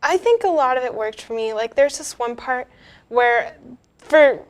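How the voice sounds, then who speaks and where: A woman's voice: high voice, expressive, measured pace. A young woman co-hosting a casual film review, easygoing and agreeable, laughing often and leaning on fillers. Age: young adult.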